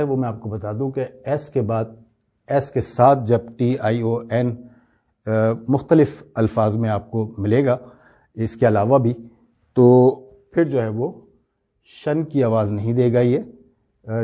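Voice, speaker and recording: A man giving a pronunciation lesson, slow and deliberate, stretching out the words he demonstrates and asking rhetorical questions. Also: mid-range voice, warm tone. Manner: explanatory, asking rhetorical questions and checking with "right?". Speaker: English teacher.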